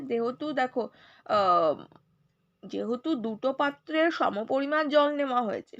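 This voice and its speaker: A high-pitched woman with a Bengali accent, a little under the weather, speaking softly as she teaches a science class. She reads questions out, then works through them step by step and asks students whether they follow. The recording sounds dull and lo-fi. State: slightly unwell, speaking softly. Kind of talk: explaining a science lesson.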